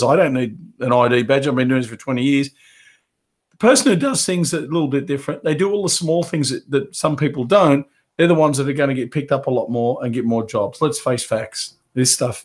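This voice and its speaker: A carpet cleaning business coach with a head cold and a fading voice rambles casually through a live webinar Q&A from his home office, with many fillers and restarts. His voice is mid-range with a darkish tone.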